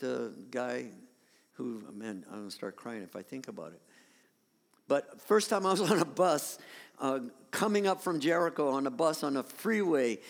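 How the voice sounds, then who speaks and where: A pastor with a high, creaky voice preaches a conversational sermon to his congregation while showing pictures on a screen. He restarts his sentences often, and a long hall reverb hangs over the recording.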